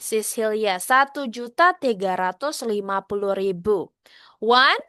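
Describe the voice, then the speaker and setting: A woman with an Indonesian accent and a medium-pitched, slightly bright, clear and resonant voice teaches English numbers in an online class, with no room sound. She switches between Indonesian and English, drilling the words slowly and patiently and asking students to answer in the chat.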